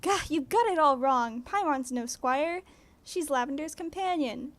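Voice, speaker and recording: Woman doing an excitable, high-pitched little companion. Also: unhurried. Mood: indignant.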